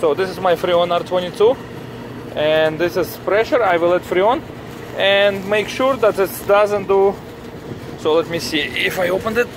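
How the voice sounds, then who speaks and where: A man with a heavy Russian accent talks through a repair job in a fairly high voice. His phrasing is halting and repetitive, as he explains each step as a technician. It is recorded outdoors with clear background noise. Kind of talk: hands-on repair demonstration. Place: outdoors on a commercial rooftop. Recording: noisy outdoor handheld recording, traffic ambience.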